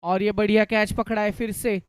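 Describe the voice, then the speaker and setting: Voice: mid-range voice, little pitch movement, normal speed, smooth, no room sound. A Hindi cricket commentator calling play ball by ball, mixing in English cricket terms.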